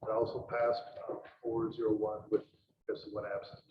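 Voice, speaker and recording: A man's voice: fairly low pitch, flat delivery. Man chairing a meeting, echoey and far. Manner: halting, many "uh" fillers. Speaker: school board president. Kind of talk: reading a meeting agenda. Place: board meeting room. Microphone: room mic on a video call. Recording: far-off mic, echoey room, dull noisy sound.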